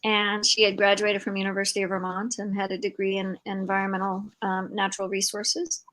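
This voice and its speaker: An older woman hosting a live video-call interview, talking in a warm, rambling way with many fillers. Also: medium pitch, completely flat delivery, fairly quick, poor audio. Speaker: host and founder of an organization. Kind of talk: casual conversational interview.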